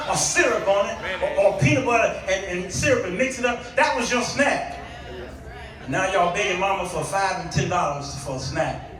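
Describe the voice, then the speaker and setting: An American guest preacher with an extremely high-pitched voice gives a storytelling sermon to a church congregation, animated and folksy. He acts out exchanges and throws rhetorical questions at the listeners, picked up from far off in an echoey hall.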